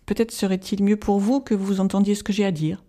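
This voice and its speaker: A grave old professor , read by an audiobook narrator, speaks with solemn, measured patience. His tone is dark and mellow, heavy with duty and sorrow. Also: medium pitch, level tone, natural voice. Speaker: audiobook reader.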